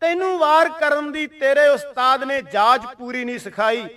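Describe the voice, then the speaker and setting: A man's voice: very high voice, steady tone, moderate pace, distant mic. A man voicing a defiant Sikh warrior. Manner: taunting, loud challenges.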